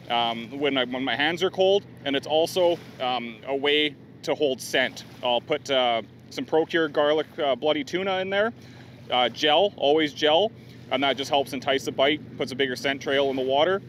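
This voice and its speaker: A middle-aged man talks through a how-to tutorial outdoors by a river. His voice sits a little high, and his delivery is plain and practical, with the odd "um" and "uh". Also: moderate pace, fairly bright tone, slight background noise. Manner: plain, practical explaining with fillers. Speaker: fishing guide demonstrating gear.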